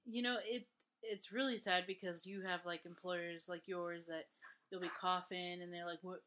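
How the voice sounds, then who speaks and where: A woman from New York, co-hosting a casual chat, animated and quick to launch into a rant between laughs. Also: fairly low pitch.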